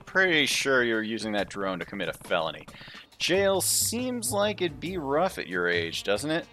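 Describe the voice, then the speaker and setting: A man's voice: medium pitch, huge pitch swings, normal speed, pushed and bright, faint music behind. A man voicing a wry, confident, casual detective in a video game. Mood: taunting.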